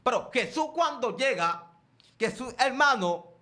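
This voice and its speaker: The sermon comes from a man whose high, bright, forceful voice carries lively intonation at a measured pace. He keeps questioning his audience and answering himself, and at times he asks the congregation to repeat the words to him.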